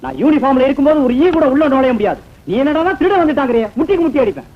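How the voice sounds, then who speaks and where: A loud, bullying police sub-inspector who barks threats and mocks everyone in a high, fast voice. The film audio sounds dull and lo-fi. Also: male voice, expressive. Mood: blustering. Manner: shouting threats, mocking. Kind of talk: dubbed film dialogue.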